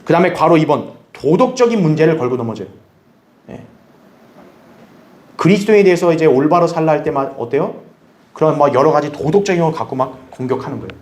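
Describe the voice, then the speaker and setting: A man pastor teaching a Bible study, animated, asking the congregation questions and acting out what others might say. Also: a little high, a little fast, long pauses. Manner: animated, acts out others' remarks in a raised voice; asks the audience questions. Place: church hall.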